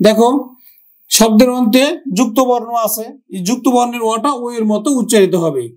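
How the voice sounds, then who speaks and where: A man with a Bangladeshi Bengali accent teaching a grammar lesson for exam preparation, slowly repeating words and their pronunciations. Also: high-pitched, darkish tone. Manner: slow, drawn-out repetition of words.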